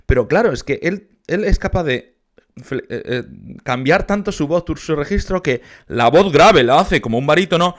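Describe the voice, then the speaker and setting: Man with a higher voice. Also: animated, normal speed. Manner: thoughtful, explains patiently, sometimes sings syllables to demonstrate. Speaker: music reaction host, choir and orchestra conductor. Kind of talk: casual reaction commentary.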